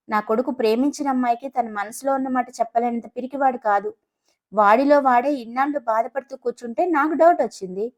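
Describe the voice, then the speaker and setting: A proud, boastful middle-aged father with a sarcastic streak, put on by a woman narrator. He talks in a fairly high voice and is quick to scold. It is a storybook reading. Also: a little mellow, natural voice.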